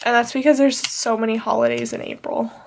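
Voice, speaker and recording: Her fairly high voice is steady, gravelly and a little fast, nasal and congested from allergies, with a slight hiss or hum in the recording. A young planner vlogger, she rambles with fillers in a casual plan-with-me chat.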